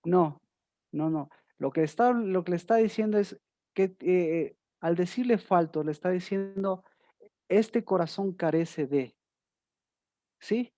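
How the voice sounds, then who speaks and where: A woman's voice: on the low side, unhurried, mellow, dry recording, studio quality. A woman preaching a sermon in Spanish, building repeated phrases into emphatic declamation.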